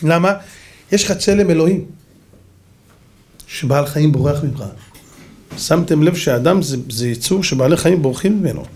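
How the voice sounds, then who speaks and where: A rabbi giving a lively sermon, telling stories and acting out the characters with shouts. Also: male voice, fairly high pitch, long pauses, a little hiss or hum. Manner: animated, acts out voices and shouts in stories. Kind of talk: sermon with dramatic storytelling.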